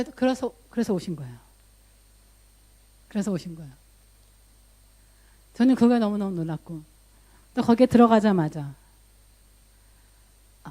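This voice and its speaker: A woman's voice: mid-range voice, warm tone. A woman pastor giving a sermon in a conversational storytelling way, sprinkling in English words and lifting her voice when she quotes her own prayers. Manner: mixes English loanwords into speech.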